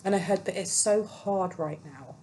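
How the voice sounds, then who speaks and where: A woman's voice: mid-range voice, moderate pace, warm tone, a little hiss or hum, rough recording. A woman giving a casual, chatty tarot reading, reading card meanings aloud and musing on them. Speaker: tarot reader.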